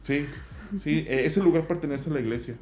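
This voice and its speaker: A man's voice: a little high, fairly quick, a little mellow, echoey room, a little hiss or hum. Slangy Mexican man telling stories. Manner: slangy, peppers speech with "güey". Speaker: guest, zombie walk organizer. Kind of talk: casual storytelling chat.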